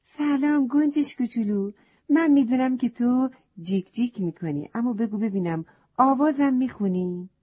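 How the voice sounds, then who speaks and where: A woman's voice: a little high, mellow, husky, voice pushed up. A woman voicing a curious, polite little boy in a children's story, asking wondering questions, on a slightly muffled recording.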